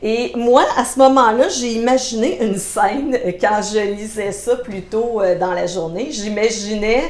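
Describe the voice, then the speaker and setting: A woman with a Québécois French accent giving a devotional message in a conversational way, pausing with frequent hesitations and playful asides. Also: on the high side, a little mellow. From Quebec. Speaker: church speaker giving a midweek devotional. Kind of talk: devotional sermon, reading scripture aloud. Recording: roomy echo.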